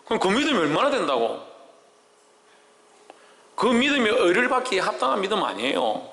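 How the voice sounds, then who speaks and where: A man's voice: high voice, wildly swooping pitch, a little fast, vocal fry, fairly bright tone, roomy sound, big-room sound. A man preaching a sermon as a pastor, quizzing his congregation and acting out God's words. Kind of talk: sermon with audience questions. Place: church sanctuary.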